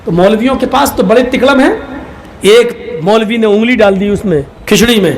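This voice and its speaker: A male preacher tells comic stories in his sermon with a very high voice. He speaks in an animated way and climbs into shouting, with faint ambient noise in the background. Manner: animated storytelling, rising to shouts.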